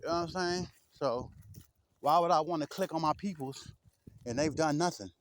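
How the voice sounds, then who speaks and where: A man rants loosely to his camera, blunt and full of profanity. His voice sits somewhat high, and the sound is close and dry, with no room echo. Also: moderate pace. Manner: blunt, profane, rambling street talk with repeated asides. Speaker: vlogger. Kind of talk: casual rant to camera.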